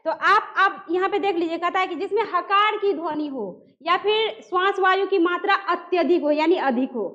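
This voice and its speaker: A woman's voice: very high voice, moderate pace, few pauses, fairly bright tone. A woman teacher giving a grammar lesson, who puts questions to her students, answers them herself and sounds out letters one by one. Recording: dull lo-fi recording.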